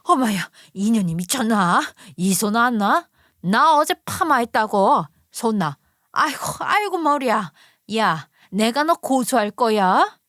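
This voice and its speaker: A woman voicing a spiteful older mother-in-law who scolds in a shrill, contemptuous way. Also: lively intonation, moderate pace, dry recording, studio quality, close to an everyday voice. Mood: shrieking. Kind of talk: storytelling radio narration.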